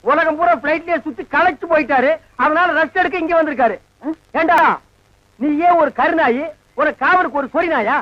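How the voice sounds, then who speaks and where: A sharp-tongued village grouch. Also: male voice, very high-pitched, brisk. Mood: scolding. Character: sharp-tongued insulting middle-aged village man. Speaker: grumpy householder in a comedy film. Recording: dull lo-fi film soundtrack.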